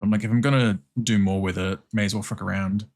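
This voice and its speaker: A man's voice: fairly low pitch, fairly even intonation, quick pace, a crowd in the background. An Australian man chatting casually on an art livestream, welcoming viewers with an easygoing, sweary, giggly manner. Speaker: streamer and artist. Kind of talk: casual livestream chat while drawing.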